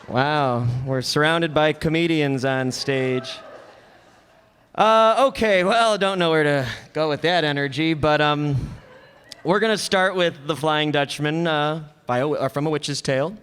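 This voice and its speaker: Unhurried and a little high-pitched, the host's fairly bright voice rambles through an informal stage introduction, hesitating and trading jokes with a small crowd. The live hall has long reverb, and a slight hiss or hum is present.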